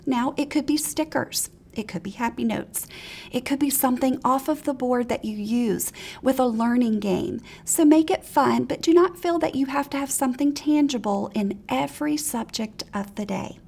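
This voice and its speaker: Teacher trainer, woman, high and a little gravelly, upbeat instructional talk. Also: normal speed. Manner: encouraging, practical, animated examples.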